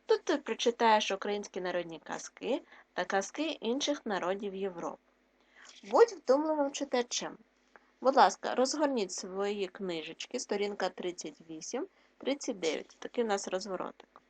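A woman teacher giving a recorded reading lesson for young children. She gives clear, patient explanations and asks her pupils questions. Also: medium pitch, animated, normal speed. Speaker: primary school teacher.

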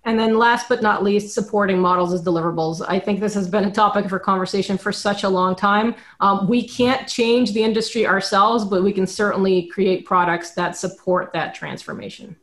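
A woman's voice: mid-range voice, steady tone, normal speed, hardly any pauses. A woman in her thirties, a product manager, explaining points in order on a video call from a dim room at home. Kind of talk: panel discussion on a video call. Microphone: webcam on a video call.

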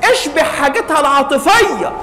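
A man's voice: very high-pitched, animated, brisk, bright, forceful tone. A middle-aged man with an Egyptian Arabic accent teaching like a wise mentor, giving advice with humour and acted-out examples in a public lecture. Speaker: family-studies teacher giving a religious lesson. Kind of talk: animated public lecture in colloquial speech. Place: indoor hall, speaking to an audience. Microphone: clip-on lapel microphone. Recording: echoey hall with faint noise.

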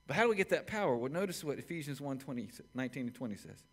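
A man in his forties, serving as pastor, gives an impassioned sermon from the church stage that shifts from shouted points to quiet, murmured prayer. His medium-pitched voice is sing-song and rapid-fire.

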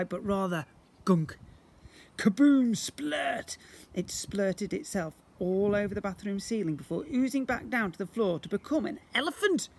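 An expressive man's voice sits high as he gives an animated read-aloud of a story for young children, acting out its sound effects. It's recorded outdoors next to brick houses on a phone or camera held about arm's length away.

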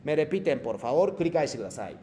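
Talking very fast, a man with a voice on the high side, a dark tone and big pitch swings teaches Japanese online in Spanish, with a little hiss or hum present. He mixes Japanese phrases into his Spanish, explains patiently and regularly checks on the class.

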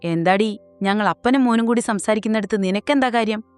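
A woman's voice: mid-range voice, brisk, darkish tone, clean tone, no echo, faint music behind, close to an everyday voice. A woman reading as a teasing, doting young husband. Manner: playful, teasing.

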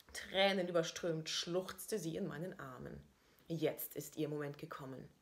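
A woman reading her own first-person diary-style story aloud in a dry, ironic manner. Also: deep voice.

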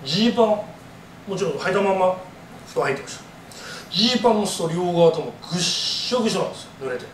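Animated male ghost storyteller, echoey room. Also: high-pitched, fast, far from the mic, slight background noise. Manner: dramatic, acts out voices and gasps. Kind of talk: live ghost story telling. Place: live event venue.

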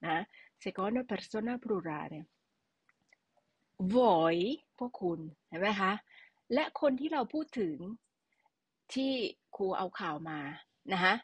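A woman's voice: medium pitch, animated, slow, husky, no room sound. A woman teaching a language lesson, patiently explaining and repeating key words for her students.

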